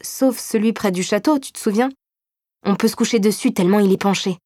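A woman's voice: mid-range voice, fairly quick, mellow, dry recording, clean studio sound, pitched above the performer's own voice, close to an everyday voice. A woman voicing an anxious, curious little boy in a narrated story.

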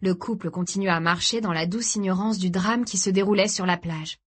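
A woman reading a dramatic novel aloud in a steady, grave storytelling voice. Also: mid-range voice, fairly quick. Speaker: audiobook narrator. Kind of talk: scripted dramatic narration.

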